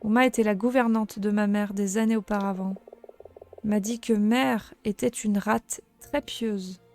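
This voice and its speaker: A woman reading the lines of an earnest young male rat guard in a video game, in a plain, soft-spoken way. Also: mid-range voice, steady tone, normal speed, faint music behind, lightly acted.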